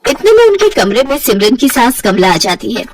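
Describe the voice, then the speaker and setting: A woman narrating a scripted storybook cartoon in a steady, expressive way. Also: fairly high pitch, normal speed, distant mic, slight background noise.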